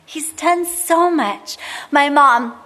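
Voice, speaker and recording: High-voiced woman Bible teacher exhorting. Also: takes it slowly, sharp tone. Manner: emphatic, repetitive exhortation. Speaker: women's Bible study teacher. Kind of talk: sermon-style Bible teaching.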